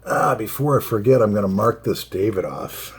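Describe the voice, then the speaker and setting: Man, lowish voice, slow halting delivery, casual rambling pipe-review vlog, some background noise. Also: animated. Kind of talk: casual solo vlog chat with rambling asides.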